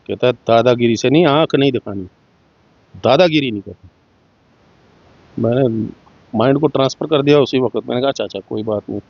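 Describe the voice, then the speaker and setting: A man's voice: medium pitch, moderate pace, pauses often, no room sound. A middle-aged man from Jammu and Kashmir, giving an interview and telling his own story in earnest, acting out the dialogue with small shifts in his voice. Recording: muffled, dull dry recording.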